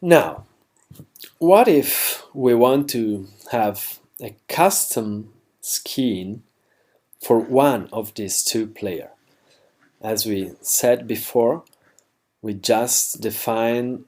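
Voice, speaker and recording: In this off-the-cuff screencast, a man with a lowish voice walks through a software plugin he developed. His delivery is slow and halting, with frequent self-corrections and slightly non-native phrasing.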